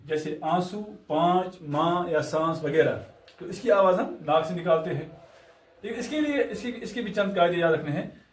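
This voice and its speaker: A high-voiced male teacher walks through a lesson with patient, deliberate explanations, pausing to repeat each example slowly. His voice sounds distant and echoey, as if recorded in a reverberant classroom. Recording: echoey room, voice far from mic.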